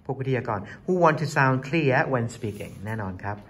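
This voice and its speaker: A man's voice: medium pitch, animated, takes it slowly, fairly bright tone, breathy edge. A man with a Thai accent teaching an English class, mixing Thai and English as he coaxes his students along.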